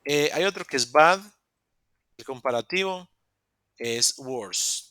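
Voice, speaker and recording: Speaking slowly with lively intonation and a sharp, medium-pitched voice, a man walks his students through an English lesson on a live video call. He goes step by step, frequently restarting and correcting himself, and the audio is clean studio sound with no echo.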